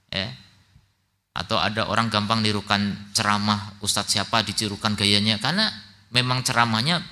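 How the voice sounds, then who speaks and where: Bright-toned man giving a religious lecture. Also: medium pitch. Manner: conversational storytelling, recites Arabic text then translates. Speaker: Islamic teacher (ustadz).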